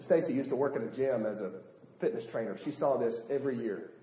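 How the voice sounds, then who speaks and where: A middle-aged man preaching a sermon in a lively, humorous way, acting out the people he quotes. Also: mid-range voice, fairly quick. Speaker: pastor. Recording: echoey hall, long reverb.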